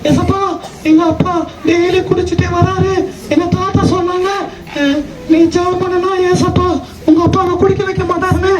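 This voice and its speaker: A woman's voice: very high voice, level tone, normal speed, reverberant, distant mic, low-quality recording. A woman playing the pleading young daughter of a drunk father in a church stage skit. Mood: praying. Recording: loud background noise.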